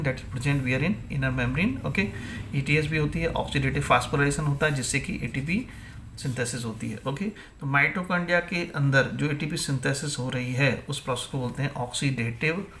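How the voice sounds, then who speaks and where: A man's voice: mid-range voice, sharp tone, slight background noise. A male biology teacher gives an exam-prep lecture, asking questions and answering them himself, and mixing English terms into Hindi.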